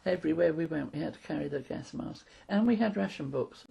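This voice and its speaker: A London-born woman in her eighties, being interviewed, casually recalls her wartime childhood in a plain, matter-of-fact way. Her London-accented voice is deep, heavily creaky and husky, with a soft, dark tone, and she talks fairly quickly on dull-sounding audio.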